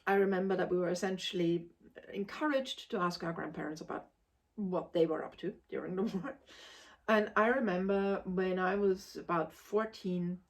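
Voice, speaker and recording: A woman's voice: lowish voice, steady tone, moderate pace. A woman. She reviews a book casually and sounds emphatic, articulate and blunt. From Austria.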